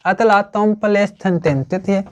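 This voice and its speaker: A teacher giving a grammar lesson, explaining slowly and checking in with the class after almost every phrase. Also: medium pitch, highs cut off. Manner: slow, repetitive, checks with "ठीक है ना?" often.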